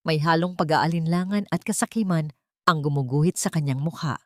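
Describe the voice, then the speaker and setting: A low-pitched Filipino woman narrates a dramatic scripted story as an audiobook narrator, at a brisk pace. The recording is dry, with clean studio sound.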